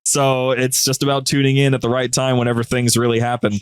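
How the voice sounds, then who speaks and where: His mid-range voice is smooth, fairly quick, and shows little pitch movement. This podcast guest, who co-hosts a media group's show, keeps the interview casual while telling stories with enthusiasm.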